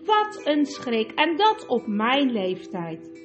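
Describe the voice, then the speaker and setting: A woman's voice: high-pitched, very animated, slow, heavily acted. Woman doing a flustered old uncle. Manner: flustered, fussy. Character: nervous, shaken old uncle. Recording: dull lo-fi with guitar music.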